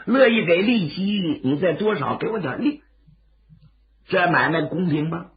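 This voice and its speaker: A male storyteller voicing a genial, wily old village man in a traditional tale, gravelly and dramatic. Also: sits high, expressive, unhurried. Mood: generous, persuasive. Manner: dramatic, folksy bargaining. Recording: dull, lo-fi audio.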